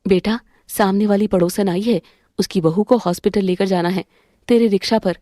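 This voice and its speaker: A woman's voice: medium pitch, steady tone, normal speed, warm tone, dry recording, studio quality, voice pushed down, close to an everyday voice. A woman voicing an older, weary but loving mother-in-law in a cartoon story. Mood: tender. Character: older mother-in-law, warm and weary, kind to her daughter-in-law.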